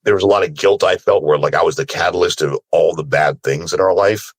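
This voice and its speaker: In a casual, candid personal conversation, a voice actor on a panel discusses himself informally and keeps checking in with the listener. Born in Sri Lanka, he moved to America as a child; his low, husky voice moves briskly, with no echo.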